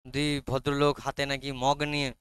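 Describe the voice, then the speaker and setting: A man's voice: mid-range voice, completely flat delivery, fairly quick, a bit bright, clear, resonant tone, no room sound. A man with a Bengali accent teaching a grammar lesson to a class, often stopping to check that students follow. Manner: frequent check-ins with students.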